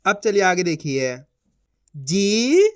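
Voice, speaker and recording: A man's voice: high-pitched, lively intonation, fairly quick, fairly bright tone. A man teaching children to read words, sounding each syllable out and repeating every word with patient coaching. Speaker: Hindi reading teacher. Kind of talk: slow, syllable-by-syllable reading lesson.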